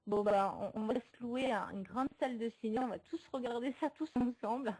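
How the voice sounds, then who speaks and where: A woman's voice: fairly high pitch, fairly quick, mellow, a little hiss or hum, low-quality recording. A woman hosting a casual livestream about films, chatty and hesitant with many fillers, laughing often and answering viewer comments. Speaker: streamer hosting a movie chat.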